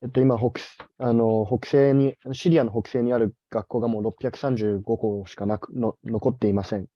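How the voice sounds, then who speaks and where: A man's voice: medium pitch, steady tone, fast talker, no echo. A man working as a live interpreter, rendering a speech from his notes with hesitant fillers over a video call. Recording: muffled lo-fi video-call audio.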